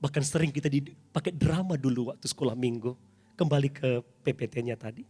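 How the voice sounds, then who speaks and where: A middle-aged man preaching a sermon as pastor in a church, dramatic and animated, with sudden loud highs. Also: a little fast, husky.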